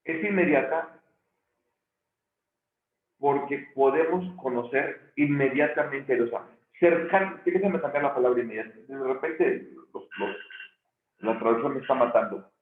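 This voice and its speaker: A man's voice: mid-range voice, animated, unhurried. A man teaching a recorded theology lesson, thinking aloud and correcting himself often. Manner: thinking aloud with frequent restarts and self-corrections. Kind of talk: recorded video lecture. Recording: echoey room, tinny phone-like sound.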